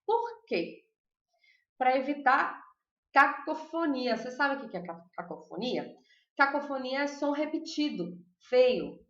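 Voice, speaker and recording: A woman teaching a language class online, chatting with her students, asking them questions and slowly repeating lists of words. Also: high voice, sing-song, a bit bright, reverberant, muffled recording. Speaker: Spanish teacher.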